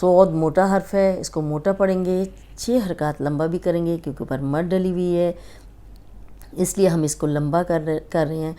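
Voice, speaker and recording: A woman with a Pakistani Urdu accent teaching tajweed in a slow lesson, patiently repeating and stretching each letter sound. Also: fairly low pitch, steady tone, warm tone. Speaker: Quran reading teacher.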